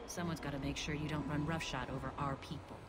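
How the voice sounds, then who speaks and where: A woman's voice: low voice, fairly even intonation, fast, very noisy, natural voice. A woman playing a stern, principled female alien gang commander in video game dialogue, speaking firmly and with command. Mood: guarded, firm. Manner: firm, commanding.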